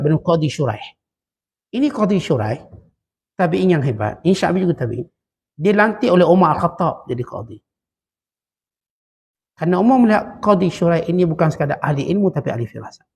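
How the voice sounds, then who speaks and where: A man's voice: fairly high pitch, brisk, creaky, pauses often, slightly rough. A middle-aged Malaysian man with a Malaysian Malay accent, teaching a religious sermon and telling stories with quoted dialogue. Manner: storytelling, animated, with quoted dialogue.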